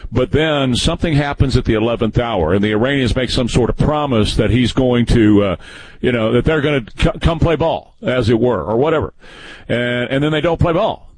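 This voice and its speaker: Husky-voiced man in his sixties hosting talk radio. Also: medium pitch, normal speed, poor audio. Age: 60s. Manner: folksy, rambling with restarts. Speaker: radio talk show fill-in host. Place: radio studio.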